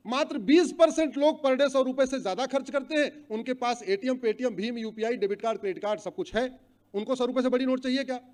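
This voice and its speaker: A middle-aged man giving a rousing public speech, loudly chanting long lists and asking the audience to repeat after him. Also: extremely high pitch, brisk. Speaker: public speaker. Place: hall with an audience.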